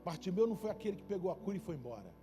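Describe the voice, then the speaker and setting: A man from Brazil with a Carioca accent, preaching a sermon as a bishop in a church, telling stories dramatically and acting out the characters' shouts and soft pleas. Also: sits high, big pitch swings, rapid-fire, big-room sound, faint music behind. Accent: Carioca Portuguese.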